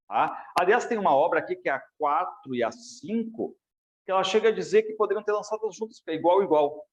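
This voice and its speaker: Lively male literature teacher, lo-fi. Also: fairly high pitch. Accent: Brazilian Portuguese. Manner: lively, addresses students directly with frequent checks. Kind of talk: exam review lecture.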